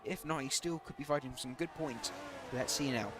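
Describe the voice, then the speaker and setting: A man's voice: medium pitch, fairly quick, noisy background. A man doing live commentary on an online racing league, talking hesitantly with many fillers, saying he is losing his voice.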